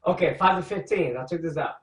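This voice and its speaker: A man reading scripture slowly to a group, then preaching loudly with crude, heated commentary. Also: a little high. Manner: reads verses slowly, then rants loudly with profanity. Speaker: scripture teacher. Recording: echoey room, far from the mic.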